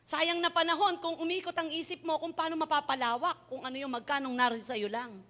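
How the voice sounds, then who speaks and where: A woman's voice: sits high, fairly even intonation, fairly quick, pushed and bright. A woman preaching a sermon, telling a story and pressing the congregation with repeated rhetorical questions. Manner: switches between Tagalog and English.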